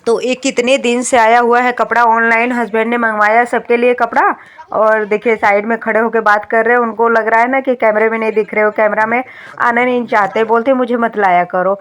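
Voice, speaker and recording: A woman's voice: fairly high pitch, level tone, brisk, fairly bright tone. A woman in her thirties with a sore throat, chatting casually to viewers as she narrates a home vlog. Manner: chatty, addresses viewers as friends. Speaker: vlogger.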